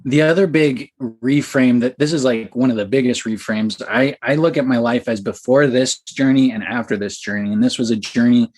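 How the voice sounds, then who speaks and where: A man in early adulthood speaks as a podcast guest. He tells his story with excited, animated energy and fills it with likes and ums. His voice sits in a middle range. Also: mid-range voice, moderate pace, hardly any pauses. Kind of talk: casual storytelling.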